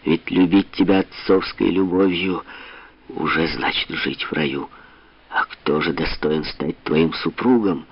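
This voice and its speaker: A man voicing a grey-haired, hot-tempered old Corsican father who talks slowly, heavily and sternly, on a dull lo-fi audiobook recording. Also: sits low. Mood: pleading.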